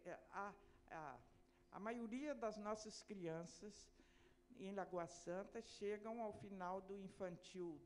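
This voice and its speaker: A woman's voice: lowish voice, a little mellow, slight background noise. A woman giving an academic lecture on early literacy. She explains step by step, posing rhetorical questions and answering them herself.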